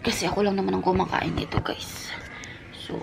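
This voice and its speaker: A woman in her thirties from the Philippines, a mother chatting casually to her vlog audience, mixing English into her talk and cooing gently to her child. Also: medium pitch, level tone, fairly quick, creaky, whispered. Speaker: family vlogger, mother.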